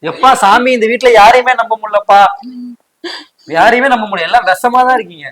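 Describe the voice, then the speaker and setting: A quick, fairly high-pitched young man, defensive and indignant as he confronts the others. His words come fast and sharp. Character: young man housemate, accused and defensive, Prabha.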